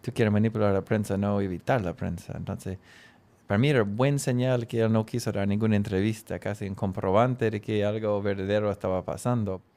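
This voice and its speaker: Male interviewee, low gravelly voice, calm reasoned explanation. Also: fairly quick. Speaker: interviewed commentator.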